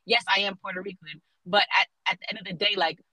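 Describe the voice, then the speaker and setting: A young woman from South Florida speaks as a guest in a casual interview. Her voice is bright and forward, recorded dry and close. She talks animatedly, full of fillers and restarts. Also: mid-range voice, steady tone, quick pace, no echo, low-quality recording. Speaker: guest muralist.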